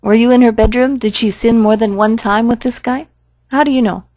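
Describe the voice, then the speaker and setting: A woman's voice: a little high, fairly even intonation, fairly quick, a little mellow, dry recording. A woman giving sarcastic commentary on a video, firing challenging, mocking questions.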